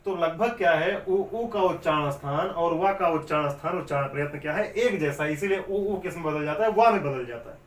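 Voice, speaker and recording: A man's voice: on the high side, a little fast, few pauses. A man teaching Hindi grammar in a classroom lecture. He asks questions and answers them himself, repeating each step. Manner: repetitive, explains step by step. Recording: echoey room, mic at a distance.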